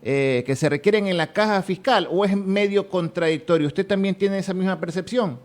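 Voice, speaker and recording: A man's voice: sits high, moderate pace. A man interviewing a guest on news radio, putting questions in a courteous, conversational way.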